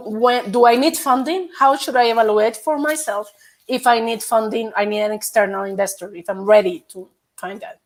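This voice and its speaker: Chatty woman hosting an online event. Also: fairly high pitch. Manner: chatty, frequent laughs and backchannel mm-hmms. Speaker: host of live online event. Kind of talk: live stream hosting and interviewing.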